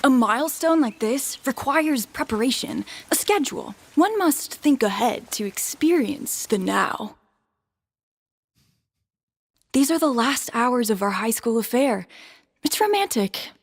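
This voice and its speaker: A woman's voice: sits high, animated, measured pace, breathy edge, heavily acted. An actress playing a wry, grandiose teenage girl who narrates a video game in arch, dramatic phrasing. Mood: wry, wistful.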